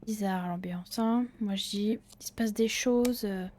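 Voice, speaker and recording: A woman's voice: medium pitch, fairly even intonation, measured pace, dark tone, a little hiss or hum. A woman giving casual let's-play commentary on a horror game, chatty and jokey, talking back to the characters with slang and swearing. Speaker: gaming video creator.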